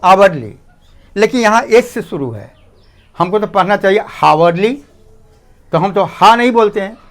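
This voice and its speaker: A man teaching a grammar lesson, slow and repetitive, often asking students to pay attention. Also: high-pitched.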